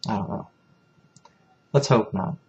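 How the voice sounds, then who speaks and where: A man's voice: unhurried, highs cut off. A man talking candidly in a personal confessional vlog, rambling and emotional as he speaks. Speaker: vlogger.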